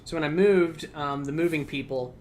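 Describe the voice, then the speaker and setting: A man's voice: on the high side, normal speed, background noise. A young man chatting casually while playing a card game, telling a long story with lots of fillers and restarts. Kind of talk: casual let's-play chat.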